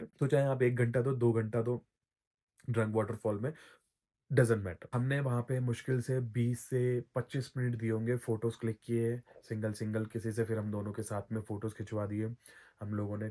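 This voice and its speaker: A man's voice: on the low side, mellow. A man giving casual travel advice as a vlogger, chatty, often repeating himself and correcting his own slips. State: throat recovering from soreness.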